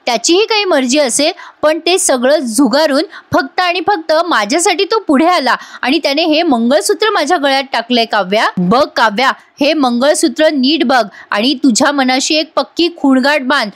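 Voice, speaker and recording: A woman's voice: high-pitched, animated, moderate pace, few pauses. A woman reading the lines of an earnest young married woman who lectures her younger sister firmly. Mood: stern. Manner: pleading, firm lecturing tone.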